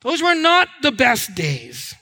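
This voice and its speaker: A man's voice: very high-pitched, huge pitch swings, takes it slowly, bright, forceful tone, exaggerated voice. A man voicing a stern old male leader who firmly scolds his people, in a sermon. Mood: scolding.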